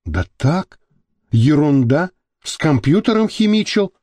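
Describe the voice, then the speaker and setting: A man's voice: on the high side, big pitch swings, slow, dark tone, dry recording, full character voice. A man voicing a naive, earnest young male inmate who talks sheepishly.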